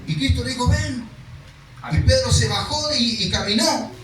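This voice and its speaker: A man's voice: extremely high pitch, a little fast, a bit bright, far from the mic, a little hiss or hum. A male pastor preaching, reading scripture aloud and then explaining it in a conversational way, sometimes acting out the cries of the people in the story. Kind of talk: sermon. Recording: echoey hall, speaker away from the mic.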